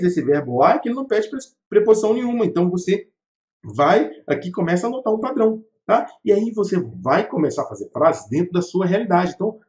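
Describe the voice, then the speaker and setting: Man, from Brazil, English teacher, casual online lesson, animated and somewhat high voice, roomy and slightly muffled recording. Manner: lively, repeats "tá?" as a check-in; slows down to model English phrases. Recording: roomy, slightly dull livestream audio.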